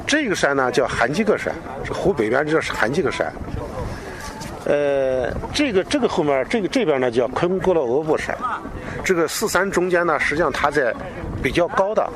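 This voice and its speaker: A man speaking as a local guide, explaining things off the cuff to an interviewer in a halting, repetitive way. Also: medium pitch. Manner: halting, repeats phrases, frequent filler particles. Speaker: local culture expert and guide. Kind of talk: unscripted explanatory talk to an interviewer. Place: outdoors. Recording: noisy outdoor location recording.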